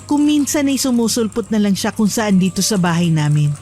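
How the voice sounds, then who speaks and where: A woman's voice: medium pitch, big pitch swings, brisk, mellow. Woman narrating a horror story.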